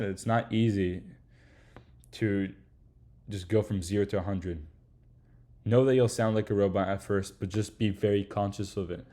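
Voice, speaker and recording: Male creator-coach, relaxed lecture delivery, lowish warm voice, casual and a bit profane. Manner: laid-back, slangy, swears casually, peppers speech with "like" and "right?". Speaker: YouTube creator giving advice.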